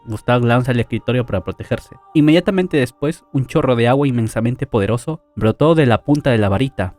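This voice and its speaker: A man's voice: mid-range voice, fast talker, darkish tone, faint music behind. A man casually retelling an anime plot in a loose, chatty way, with lots of fillers and tag questions. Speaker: anime story narrator. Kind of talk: casual spoken story recap.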